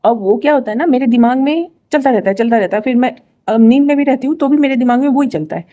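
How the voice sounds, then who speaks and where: Young woman vlogger, mellow tone, rambling chatty delivery with exasperated asides. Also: high-pitched, lively intonation, fast talker, highs cut off. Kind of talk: casual chat to camera.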